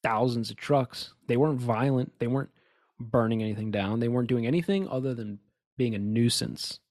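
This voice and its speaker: This podcast co-host is a man with a medium-pitched, slightly mellow voice who talks briskly. Battling hiccups, he chats casually about conspiracies in a rambling, emphatic way full of restarts and asides, on a dry mic with no echo.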